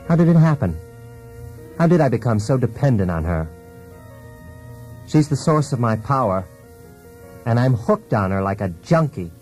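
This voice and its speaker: In a brooding, introspective radio drama monologue, an actor plays an anguished, dependent husband whose marriage has failed. His male voice is lowish with a darkish tone.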